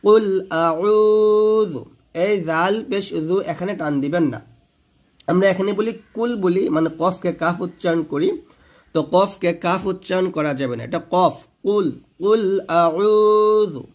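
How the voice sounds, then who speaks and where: A man's voice: sits high, moderate pace. A man with a Bangladeshi Bengali accent, a Quran teacher giving a word-by-word pronunciation lesson. He spells out syllables one by one, drawls the recited words and asks the listener to repeat after him.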